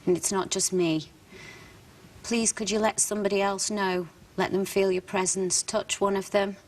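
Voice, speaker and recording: A woman's voice: mid-range voice, flat delivery, normal speed, recorded from a distance. A woman at a seance, shivering and anxiously describing how cold she feels. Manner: breathless, anxious, talking about feeling cold. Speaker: seance participant.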